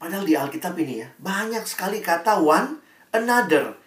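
Preacher in a roomy hall. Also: male voice, high-pitched, a little fast. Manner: lively, shifts between loud and soft, acts out quotes. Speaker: pastor. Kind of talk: sermon. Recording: roomy sound from a distance.

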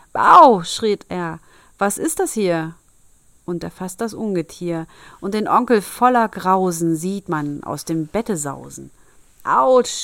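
Slow, dry-voiced woman reading verse. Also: on the low side, dry recording. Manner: lively, animated reading with dramatic emphasis. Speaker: narrator. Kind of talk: storybook reading of rhyming verse.

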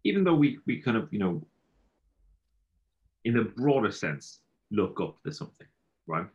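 Low-voiced man with a west of Ireland accent. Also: sing-song, normal speed, darkish tone, highs cut off. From Galway, Ireland. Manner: repeats himself, peppers talk with "you know". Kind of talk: casual philosophical discussion.

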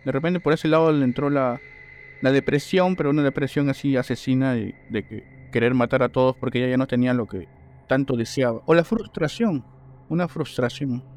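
A man's voice: mid-range voice, a little fast. Laid-back man chatting about films. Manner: relaxed, rambling, hesitant restarts. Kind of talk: casual film review chat.

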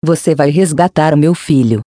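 A storyteller voicing a short old man, a key-shop owner, who speaks calmly and with quiet knowing. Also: fairly high pitch, moderate pace, dry recording, studio quality, natural voice. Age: older. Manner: calm, gently knowing.

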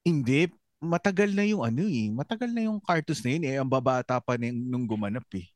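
A man co-hosting a podcast, chatting casually and often pausing on fillers as he searches for words. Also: mid-range voice, animated, no echo. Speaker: podcast co-host. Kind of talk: casual chat.

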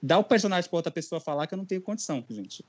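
A young man from Brazil, a podcast host telling a story in casual chat, animated and acting out quotes. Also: high-pitched, very fast, husky.

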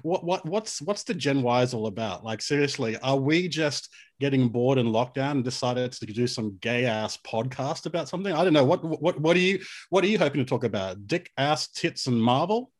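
A young man co-hosting a podcast, joking loudly and crudely, with giggles and stumbling restarts. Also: medium pitch, animated, normal speed, hardly any pauses. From Australia. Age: young adult. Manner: loud, giggly and profane, full of restarts. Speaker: podcast co-host. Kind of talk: casual crude banter.

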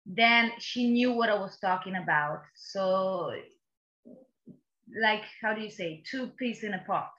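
Italian woman, bright muffled call voice. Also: medium pitch, measured pace. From Italy. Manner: searches for English words, laughs easily. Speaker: guest, workshop co-leader. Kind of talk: casual conversation.

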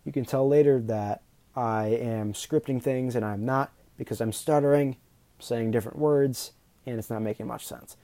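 A man with a mellow, mid-range voice hosts his own solo podcast, talking off the cuff at a moderate pace with no room sound. He sounds nervous, stumbling over words, restarting and saying um often.

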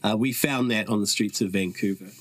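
A middle-aged New Zealander on a podcast tells stories in a casual, conversational way, reflective and earnest, with lots of fillers. His voice is fairly low and fairly quick, and the recording is dry.

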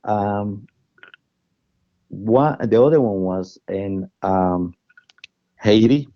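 A man from El Salvador, speaking English with a Salvadoran Spanish accent as a guest chef in an interview, in an earnest, halting way that often repeats words. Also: fairly low pitch, no echo, highs cut off. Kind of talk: casual interview conversation.

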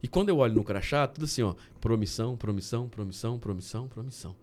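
A man from Brazil, a guest on a podcast, telling a personal story in a casual, animated way and often saying "cara". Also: mid-range voice, fast talker, slight background noise. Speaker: podcast guest, candy entrepreneur.

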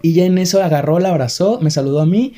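Fast-talking young Mexican man. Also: fairly high pitch, faint music behind. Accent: Mexican Spanish. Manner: animated storytelling with nervous laughs. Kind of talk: casual chat.

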